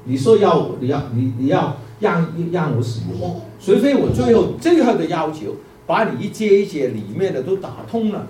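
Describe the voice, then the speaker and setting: A man's voice: a little high, big pitch swings, moderate pace, few pauses, warm tone, slight background noise, voice pushed up. A man voicing the Lord as a stern, patient master who lays out his demands in a sermon parable. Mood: firm. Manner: firm, explaining. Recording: echoey room, distant mic, faint music.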